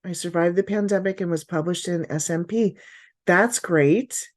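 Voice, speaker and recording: A woman's voice: lowish voice, normal speed. A woman in her fifties, a business coach hosting an online workshop on a video call, upbeat and encouraging. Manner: upbeat, encouraging, frequent praise.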